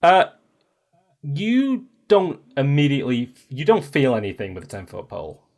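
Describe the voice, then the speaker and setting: A man's voice: medium pitch, wildly swooping pitch, moderate pace, darkish tone. A man casually narrating and improvising a tabletop game as game master.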